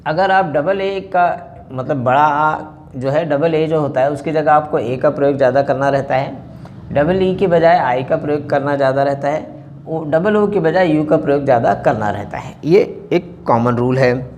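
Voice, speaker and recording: A man with an Indian accent explaining a language lesson slowly, with frequent hesitations. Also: a little high, a little mellow, slight background noise. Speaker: teacher.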